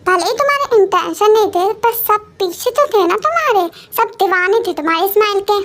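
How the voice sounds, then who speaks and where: A woman voicing a caring young friend who gently coaxes a crying bride in a fan audio story. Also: very high voice, animated, brisk, heavily acted. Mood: coaxing. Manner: soothing, coaxing.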